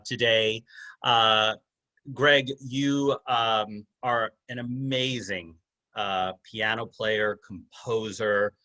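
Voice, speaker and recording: A man's voice: on the low side, sharp tone. A man interviewing a musician friend, rambling through his questions with lots of fillers. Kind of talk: casual interview.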